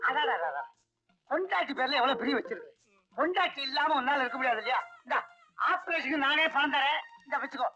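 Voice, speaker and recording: An actor playing a gullible, mocking comic moneylender with a drawn-out way of talking, from an old film soundtrack. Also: male voice, very high voice, lively intonation, sharp tone, muffled recording, soft background music, full character voice. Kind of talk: 1980s Tamil film dialogue.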